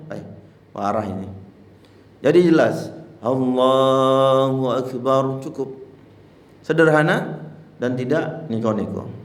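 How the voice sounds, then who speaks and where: Man teaching prayer rules in roomy hall. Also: on the high side. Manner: demonstrates chanted recitation between plain explanation. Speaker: Islamic teacher. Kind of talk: religious lesson in a mosque. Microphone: handheld mic.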